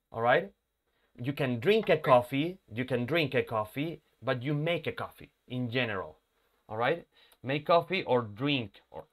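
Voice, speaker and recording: A male English teacher talks his students through a lesson at an unhurried pace. He repeats words slowly for practice and keeps asking whether they follow. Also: medium pitch, a bit bright. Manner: checks in often with "ok?" and "ya?".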